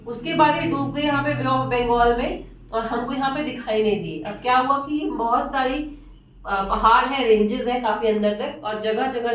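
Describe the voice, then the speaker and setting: A woman's voice: a little high, a little hiss or hum. A woman teacher lecturing at a board, repeating key terms and asking and answering her own questions. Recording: echoey room from far off.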